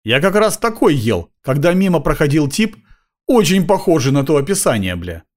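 A man voicing a crude, raspy male street bum who swears and drawls. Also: fairly high pitch, very animated, moderate pace, pitched above the performer's own voice. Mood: wheedling. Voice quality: raspy, hoarse.

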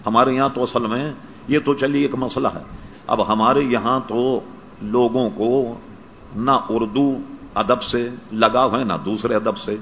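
A man's voice: medium pitch, fairly even intonation, a bit bright, a little hiss or hum. A male Islamic scholar answering questions in a study session, patiently explaining and correcting how words should be pronounced. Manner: patient, explanatory, checks understanding; corrects word pronunciation. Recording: dull lo-fi archive recording.

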